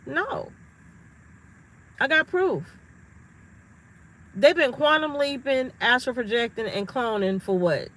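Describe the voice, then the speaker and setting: A woman's voice: medium pitch, poor audio. A middle-aged woman talking to her viewers in a casual, emphatic monologue, telling stories with energy. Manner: emphatic, animated storytelling. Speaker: astrology vlogger.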